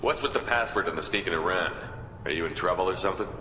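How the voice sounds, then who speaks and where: Male game commander, deep voice, terse probing questions, brisk pace, echoing hall. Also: pushed and bright. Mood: businesslike. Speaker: video game voice actor. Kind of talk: game cutscene dialogue.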